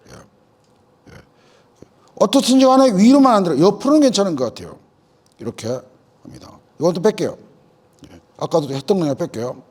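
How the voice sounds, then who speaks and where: Lecturing farmers in a hall, a middle-aged agricultural lecturer tells folksy stories, his high, darkish voice swinging widely as he acts out people in his anecdotes. He's expressive, a little fast, and pauses often.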